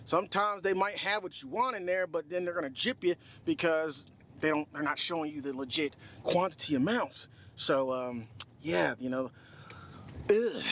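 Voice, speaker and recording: A gym vlogger in their twenties chats casually in a workout vlog, using slang and swearing. The voice is medium-pitched and fairly bright, with music playing behind.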